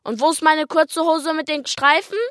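A woman with an Austrian accent voicing an excitable young boy who shouts and whines about what he wants. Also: high-pitched, normal speed, no room sound, clean studio sound, pitched above the performer's own voice. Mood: shouting. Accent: Austrian German. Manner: shouty, insistent, whiny.

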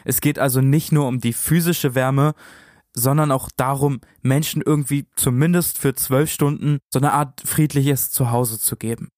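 A man's voice: mid-range voice, fairly even intonation, normal speed, darkish tone, dry recording, clean studio sound. A man telling stories as a podcast co-host, in a conversational narrating style.

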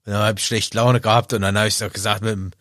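A man's voice: lowish voice, little pitch movement, fast, a bit bright, no echo, clean studio sound, close to an everyday voice. A man voicing a sulky, defiant teenage boy who grumbles excuses, in a casual podcast retelling.

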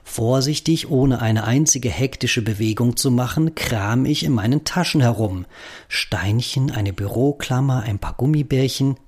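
A man reading a children's story in the first person, gentle and playful. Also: medium pitch, measured pace, husky. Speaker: narrator. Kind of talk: storybook narration.

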